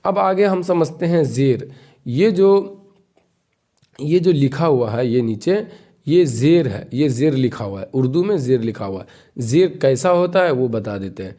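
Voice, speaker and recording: A man teaching the alphabet in a patient, repetitive way. He recites letter sounds slowly and quizzes the learner as he goes. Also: medium pitch, lively intonation, mellow. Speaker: Urdu teacher.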